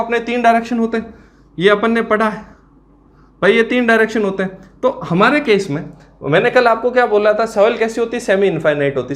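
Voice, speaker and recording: A man teaching an engineering exam class, asking questions and answering them himself, repeating key terms slowly. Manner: drops to low, quiet asides on filler words. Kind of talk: classroom lecture.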